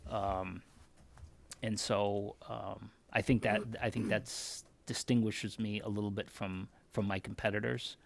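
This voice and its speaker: Measured man answering interview questions. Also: fairly low pitch, little pitch movement, creaky. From Connecticut. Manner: earnest, measured, thinks aloud. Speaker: job candidate for town manager.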